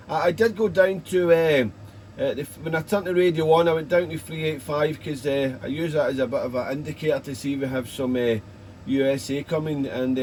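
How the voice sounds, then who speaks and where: A man's voice: medium pitch, a little mellow, slight background noise. A British man chatting casually as a radio operator, rambling along in friendly jargon-filled exchanges.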